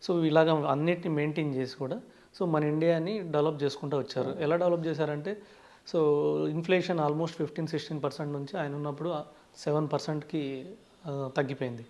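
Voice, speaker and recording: A finance expert with a Telugu accent explains things in an interview, drawing on English terms and regularly starting sentences with "so". He sounds fairly high-pitched and steady, a little fast, with a darkish tone.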